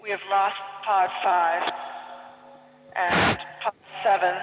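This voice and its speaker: A man talking in slow, formal radio-speak, as if transmitting from a space pod. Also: high voice, flat delivery, over loud music. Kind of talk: mock sci-fi radio transmission. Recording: echoey long-reverb room with faint noise.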